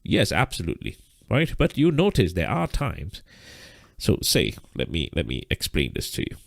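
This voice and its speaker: A man's voice: deep voice, gravelly, no echo, clean studio sound. A man teaching a live trading lesson, explaining step by step and checking in with "right?", short of breath. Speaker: trading instructor.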